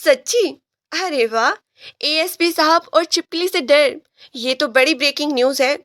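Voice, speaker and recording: Storybook read: a woman plays a proud, defiant young heroine who will not back down, high and dry. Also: a bit bright, dry recording. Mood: teasing. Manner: teasing, defiant.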